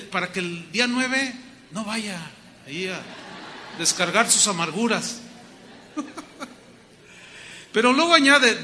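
A Mexican man preaching a folksy, joking sermon as a pastor. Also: high voice. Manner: lively, folksy, joking, acts out little scenes. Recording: long hall reverb.

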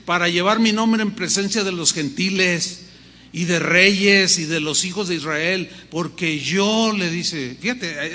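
A man preaching a sermon in an animated way, acting out the voices of God and believers. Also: high-pitched. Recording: long hall reverb.

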